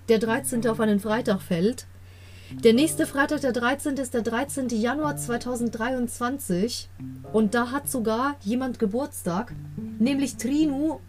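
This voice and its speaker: A woman talking casually as a podcast host, recapping a radio play episode and slowly reading its quoted lines in a put-on voice, often laughing with enthusiasm. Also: fairly high pitch, darkish tone.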